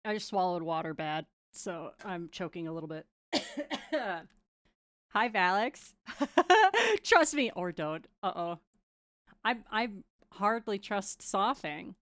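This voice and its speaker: Young woman streamer, bubbly and giggly, very lively pitch, crisp and dry on a close mic. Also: no room sound. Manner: bubbly and giggly, with quick restarts. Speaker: streamer playing a tabletop game. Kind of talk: casual chat.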